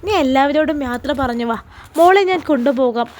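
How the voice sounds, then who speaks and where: A woman's voice: high voice, brisk, darkish tone, close to an everyday voice. A woman doing a playful, reassuring sister-in-law. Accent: Malappuram Malayalam. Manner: teasing, reassuring.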